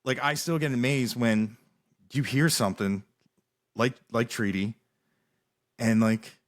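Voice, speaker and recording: A man's voice: mid-range voice, unhurried. A young man hosting a podcast, telling loose, rambling stories in casual chat with many restarts. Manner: rambling storyteller, many restarts, laughs often. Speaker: podcast host.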